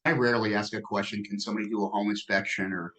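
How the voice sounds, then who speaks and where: A man's voice: lowish voice, fairly even intonation, fast talker, a bit bright, low-quality recording. Sixty-year-old man, easygoing business talk. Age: 60s. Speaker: guest business owner. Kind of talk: podcast interview.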